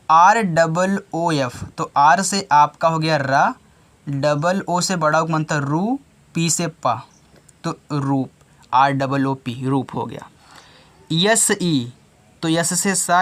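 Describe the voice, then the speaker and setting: A man's voice: on the high side, fairly bright tone. A man teaching a reading lesson to children, spelling words out letter by letter and repeating each word several times. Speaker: online tutor.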